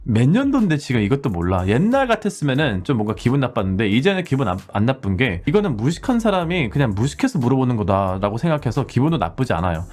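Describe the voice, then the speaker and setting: Lively Korean-born man teaching English. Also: mid-range voice, quick pace, hardly any pauses. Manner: lively, acts out heated street exchanges in English. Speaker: English conversation instructor. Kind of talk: casual English lesson with role-play examples.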